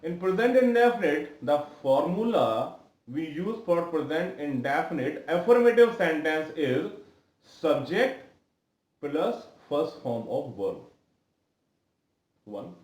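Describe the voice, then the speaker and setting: A man with an Indian English accent teaching English grammar in a slow, deliberate lecture style, repeating key words and slipping into Hindi asides. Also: fairly high pitch, big pitch swings, a little mellow, echoey room, low-quality recording. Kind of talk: video lesson lecture.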